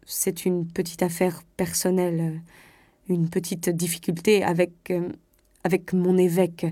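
A woman reading a story aloud, voicing a humble old male priest who speaks quietly and hesitantly. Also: fairly low pitch, no room sound, studio quality, close to an everyday voice.

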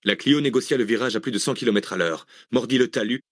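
A man reading a thriller audiobook in a measured, steady narration. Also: mid-range voice, dry recording, clean studio sound.

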